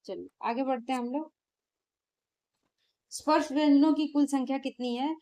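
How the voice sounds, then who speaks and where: A woman's voice: sits high, steady tone, moderate pace, dark tone. A woman teacher, going through exam questions in a lesson and answering her own questions.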